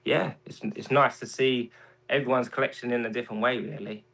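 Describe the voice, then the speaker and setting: Hesitant soft-spoken London man. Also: mid-range voice, steady tone, fairly quick, vocal fry, low-quality recording. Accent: London English. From England. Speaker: guest. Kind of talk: casual chat.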